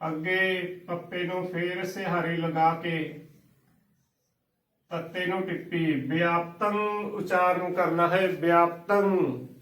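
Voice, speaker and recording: Man, high even voice, steady spell-it-out lesson, set back from the mic in an echoey room. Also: distant mic. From Punjab. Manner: patient, spells letter by letter, repeats each word slowly. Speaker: gurbani pronunciation teacher. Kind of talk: slow spelled-out recitation lesson.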